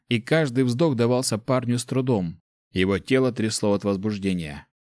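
A man reading a fantasy novel aloud in steady, measured scripted narration. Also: medium pitch, no echo, studio quality. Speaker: audiobook narrator.

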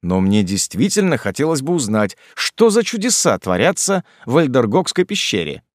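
A man reading an audiobook, voicing a calm, curious young traveller who speaks in a measured way. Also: medium pitch, dry recording, studio quality, lightly acted.

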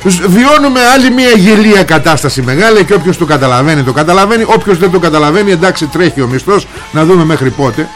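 A man's voice: on the high side, animated, hardly any pauses, fairly bright tone, soft background music. Sarcastic, combative male talk host. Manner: sarcastic, combative, addresses viewer directly. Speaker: TV political talk show host. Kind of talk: heated political monologue.

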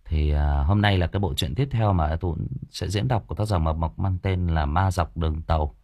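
Male livestream horror narrator, low voice, animated delivery, dry close sound. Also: brisk, no room sound. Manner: chatty, greets viewers, many fillers. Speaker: storyteller and livestream host. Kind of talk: live-streamed horror story reading.

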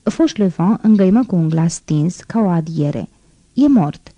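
Woman with a dark, mellow reading voice. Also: fairly low pitch, dry recording, lo-fi sound. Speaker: audiobook reader. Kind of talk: scripted literary narration.

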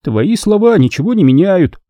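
A man voicing a calm, cautious teenage Jedi apprentice in an audiobook, speaking in a measured, gently reasoning way. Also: sits high, no echo, muffled recording, voice pushed up.

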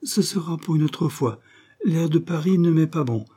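A man reading the part of a proud, hurt provincial noblewoman who speaks quietly and with restraint. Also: fairly high pitch, moderate pace, voice pushed up, close to an everyday voice.

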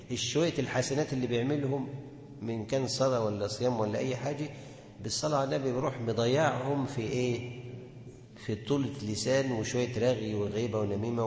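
A man's voice: mid-range voice, a little mellow. A man with an Egyptian accent teaching a class on Quran recitation, asking his students questions and answering them himself. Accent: Egyptian Arabic. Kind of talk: classroom lesson on tajweed. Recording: echoey hall with long reverb.

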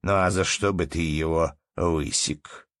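A man doing a gruff, bossy steward. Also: rumbling low, fairly even intonation, measured pace, a bit bright, dry recording. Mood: jovial. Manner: gruff, bossy, mocking laughter. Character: blustering domineering male village steward, middle-aged.

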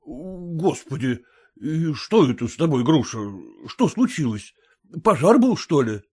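A woman's voice: deep voice, animated, unhurried, warm tone, slightly rough, voice pushed up, heavily acted. A woman voicing a bewildered merchant husband in a storybook reading, pleading and flustered. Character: bewildered middle-aged merchant husband, meek.

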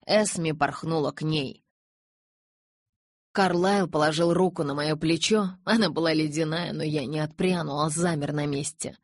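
A woman narrating a novel in the first person in an even, measured reading voice. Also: low-pitched, no room sound, clean studio sound. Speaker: audiobook reader.

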